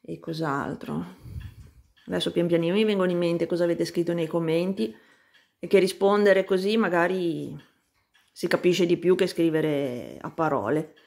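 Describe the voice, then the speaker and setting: A woman vlogging casually about her seedlings, pausing often to search for words as she films with a handheld phone. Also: lowish voice, vocal fry, darkish tone. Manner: hesitant, searches for words, many fillers. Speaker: plant vlogger. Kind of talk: casual how-to chat.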